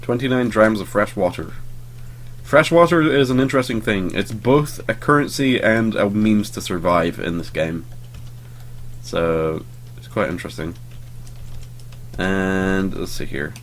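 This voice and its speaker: Speaking a little slowly with long pauses, a young man with a fairly low pitch rambles through his game as a let's play host. He's just over a cold, sounding drowsy, dropping lots of ums and swearing offhandedly, with slight background noise present.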